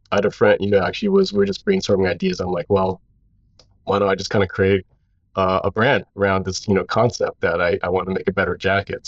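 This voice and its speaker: A man in his thirties with a fairly low voice tells his story as a guest. His talk is relaxed and rambling, full of fillers. The sound is dry and a bit dull, with a narrow band. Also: no room sound. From Hawaii. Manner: relaxed and rambling, with many "you know" fillers. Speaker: founder of a clothing brand, guest. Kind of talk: casual interview storytelling.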